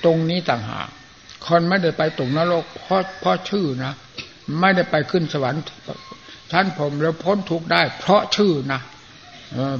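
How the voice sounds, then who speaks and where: Older monk with a gravelly voice, lo-fi recording. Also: male voice, on the high side, moderate pace. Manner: plain-spoken, folksy, frequent throat clearing. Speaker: Buddhist monk giving a dharma talk. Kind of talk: sermon. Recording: muffled lo-fi archive recording with faint hiss.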